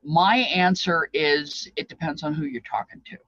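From a cramped, cluttered craft room indoors, an older woman past fifty describes feast dishes through a webcam set at desk distance. Her low voice runs at a normal speed and is a bit bright, and the audio is dull with no room sound. She's informal and reflective, wandering into reminiscences as she explains.

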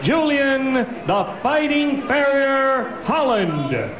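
A man working as a boxing ring announcer, proclaiming formally in a drawn-out arena announcer style. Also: very high voice, big pitch swings. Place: indoor boxing arena at a casino hotel. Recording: echoey hall, distant PA, crowd noise.

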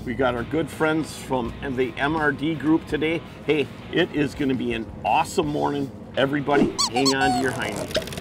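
A man's voice: mid-range voice, moderate pace, music in the background, rough recording. A man hosting a fishing show on a charter boat, whooping and teasing his crew as fish come in. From Wisconsin. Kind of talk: excited on-boat fishing chatter. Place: open charter boat on a big lake.

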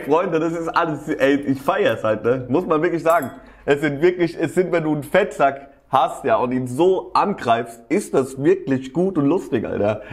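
A man casually commenting on a rap battle as a tutorial host, slangy and enthusiastic, often laughing. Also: medium pitch.

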